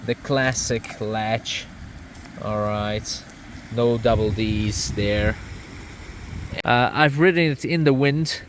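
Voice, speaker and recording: A man giving a casual product review to camera outdoors, speaking haltingly in short phrases. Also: mid-range voice. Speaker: vlogger reviewing motorcycle gear. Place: outdoors by a creek. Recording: outdoor ambient noise behind voice.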